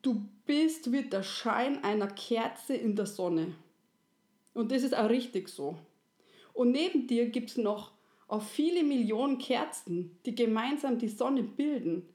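A woman's voice: a little high, animated, unhurried, darkish tone, pitched above the performer's own voice. Woman doing a kindly creator woman. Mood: gentle. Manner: soothing, folksy, fond of dialect fillers. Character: kindly wise creator woman, patient and homely. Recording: roomy echo.

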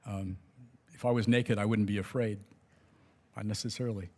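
A man's voice: fairly low pitch, fairly even intonation, normal speed, dark tone. A man preaching a sermon in a conversational way, with restarts and small laughs. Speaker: pastor. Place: church sanctuary. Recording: long hall reverb.

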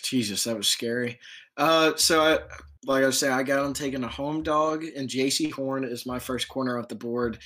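A man's voice: mid-range voice, a bit bright. Man in casual sports chat. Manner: loose, filler-heavy, quick restarts. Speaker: podcast co-host.

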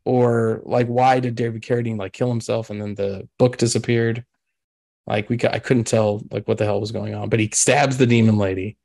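A man's voice: on the low side, level tone, moderate pace, vocal fry, a little mellow. A man on a podcast casually recapping a movie plot, rambling with lots of fillers and frequent laughs. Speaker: podcast host. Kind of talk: casual chat recapping a film.

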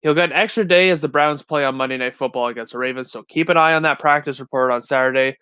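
Smooth-voiced man reading sports news. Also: medium pitch, fast talker, pushed and bright. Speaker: fantasy football podcast co-host. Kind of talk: casual sports news rundown.

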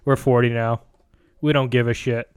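A man's voice: mid-range voice, flat delivery, moderate pace. A man co-hosting a casual podcast, making crude jokes. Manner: crude, joking. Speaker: podcast co-host.

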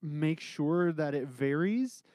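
Nasal, animated man co-hosting a podcast. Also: slow, no echo, clean studio sound. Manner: animated, swings his pitch up and down. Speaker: podcast co-host and pastor. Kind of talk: casual podcast chat.

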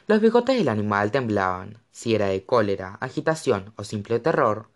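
A man's voice: on the low side, sing-song, moderate pace. A man reading a fantasy novel aloud, narrating expressively and dramatically. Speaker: audiobook reader.

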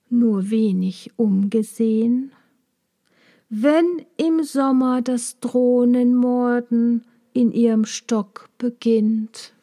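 A woman voicing a huge female dragonfly who speaks calmly, softly and condescendingly, often half whispered. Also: on the high side, exaggerated voice. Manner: calm, soft, condescending, partly whispered.

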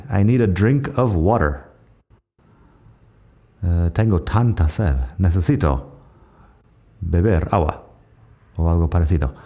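Male English tutor, American accent; deep, mellow, unhurried delivery with repeated examples. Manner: calm, slow explanations, repeats each example twice. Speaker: English teacher. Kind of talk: language lesson with example sentences.

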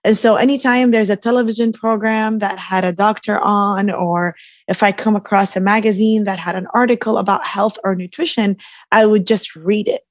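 A woman's voice: mid-range voice, steady tone, moderate pace, no room sound. Brief: woman, late 30s, from Iraq, podcast guest, reflective, dry close sound. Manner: reflective, with frequent fillers. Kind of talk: casual interview talk.

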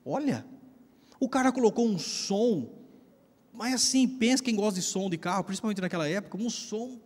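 High-voiced Brazilian preacher in a hall. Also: male voice, expressive, normal speed, a little mellow. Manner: conversational, slangy storytelling. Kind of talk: sermon with personal storytelling. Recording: long reverb of a large hall.

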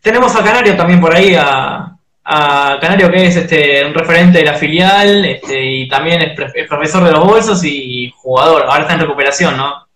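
A man's voice: fairly high pitch, moderate pace, fairly bright tone, reverberant. Chatty Uruguayan man hosting a live stream. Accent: Uruguayan Spanish. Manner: chatty, rambling with fillers. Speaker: host of a fan live stream. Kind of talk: casual live-stream interview.

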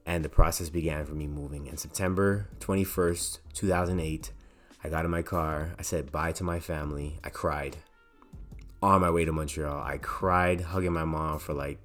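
A young man from Canada hosting a podcast, telling a personal story in a lively way and acting out the voices of the people he quotes. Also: rumbling low. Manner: animated, acts out quoted voices. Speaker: podcast host.

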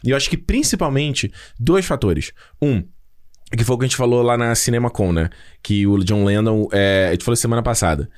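A man co-hosts a casual movie podcast over a video call. He talks at a rapid clip in a voice of ordinary middle pitch. He stays animated and slangy throughout, often breaking off and restarting his sentences. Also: clean tone. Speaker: podcast co-host. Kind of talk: casual chat about movies.

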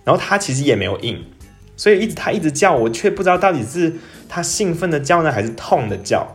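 A young man, telling a personal story in a casual, animated podcast monologue and dropping English phrases into his talk. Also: quick pace, soft background music. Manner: animated, jumps up in pitch when excited, mixes in English phrases. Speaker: podcast host.

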